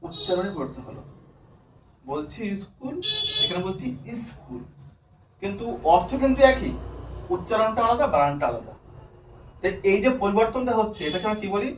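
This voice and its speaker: A man with a Bengali accent gives a demonstration lesson as a teacher candidate, posing questions and then answering them himself. His voice sits high with lively intonation, fairly quick but broken by long pauses. The room is echoey, the mic far off, with faint noise.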